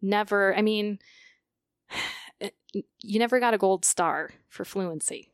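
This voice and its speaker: A woman's voice: medium pitch, takes it slowly, no echo, clean studio sound. A woman speech-language pathologist speaking as a guest in a podcast interview, emphatic and passionate, often restarting her sentences.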